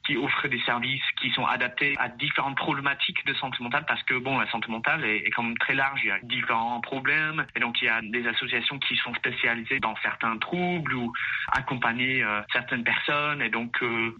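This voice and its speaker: A man from the United States, a mental health worker, calmly explaining things in an interview with frequent hesitations. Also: mid-range voice, fairly quick, highs cut off. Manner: calm, explanatory, many hesitations.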